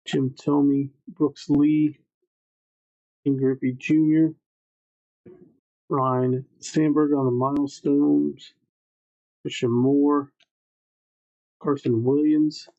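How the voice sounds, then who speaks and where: A man's voice: on the high side, level tone, extremely slow, creaky, long pauses, mellow, muffled recording. A man hosting a livestreamed trading card break, calling out names matter-of-factly in short clipped phrases.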